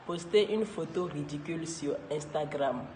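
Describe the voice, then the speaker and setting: A man's voice: on the high side, normal speed, warm tone. Young man reading dares, echoey room. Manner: reads out dares, mumbling repeats. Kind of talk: casual truth-or-dare chat. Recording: echoey room with faint noise.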